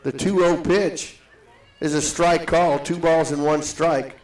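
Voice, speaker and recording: A man calling a softball game live in a steady, matter-of-fact way, his voice ringing with a cave-like echo. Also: a little high, slow, recorded from a distance. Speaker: play-by-play announcer. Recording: echoey booth, set back from the mic.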